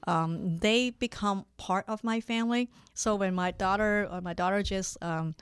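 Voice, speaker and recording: A woman in her forties from Hong Kong, a lawyer being interviewed, talking in a halting way with many fillers and restarts. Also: medium pitch, smooth, no room sound, studio quality. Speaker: lawyer guest. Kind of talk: conversational interview.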